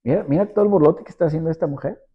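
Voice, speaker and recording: Brief: man as exasperated disciples, high pleading tone, lo-fi recording. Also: rapid-fire, husky. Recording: dull lo-fi recording.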